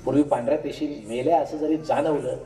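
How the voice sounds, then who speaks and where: A man's voice: mid-range voice, fairly even intonation, fast, warm tone. A man with a Marathi accent giving a humorous public lecture, telling jokes and acting out the dialogue in his stories. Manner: joking storyteller, acts out dialogue. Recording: echoey hall, distant mic, crowd.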